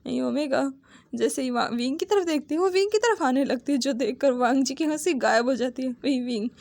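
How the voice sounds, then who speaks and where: A woman retelling a drama series episode as a steady, plain storyteller, speaking close to the mic. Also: sits high, a little fast, dry recording.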